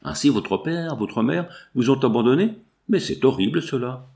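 A man's voice: medium pitch, expressive, moderate pace, creaky, darkish tone. A man voicing a rich, sickly young woman, gracious but moody, in an audiobook, in a voice close to his own.

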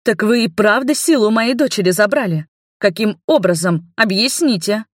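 A woman's voice: lowish voice, normal speed, no room sound, clean studio sound, close to an everyday voice. A woman voicing an imperious noble mother who insists on answers in a commanding tone. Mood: demanding.

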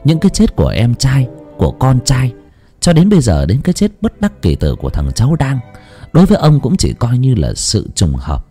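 A man telling a dramatic village story as narrator, animated and shifting into character voices. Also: lowish voice, husky.

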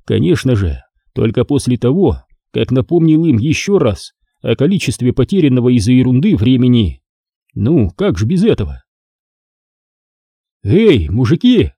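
A male audiobook narrator with a very dark, husky voice. He tells the story expressively, his pitch moving a lot. The recording is dry and close. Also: sing-song, normal speed, no echo.

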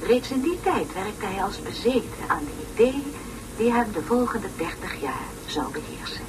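Playing a pompous woman lecturer on an educational tape, an actress in an old radio play delivers long-winded, solemn, over-articulated lines. Her mid-range voice is sing-song and lightly acted at a moderate pace, heard through noisy, distant audio.

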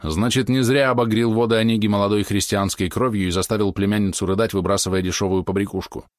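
A man reading a historical novel aloud as audiobook narrator, measured and steady. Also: lowish voice, no room sound, studio quality.

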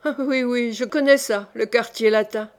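A woman reading the part of a hearty, loud middle-aged shopkeeper in an audiobook, jovial and booming. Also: steady tone, moderate pace, close to an everyday voice. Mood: teasing.

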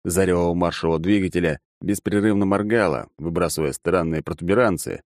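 A man's voice: low voice, brisk, no room sound, clean studio sound. A man reading a story aloud in a wry, sarcastic manner. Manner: wry, sarcastic, lively delivery. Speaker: audiobook reader. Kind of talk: scripted narration.

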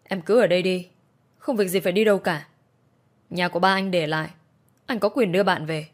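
A woman voicing a caring young man who speaks softly and pleadingly. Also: on the low side, steady tone, a little fast, close to an everyday voice. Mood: reassuring. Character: gentle young man, caring son and boyfriend.

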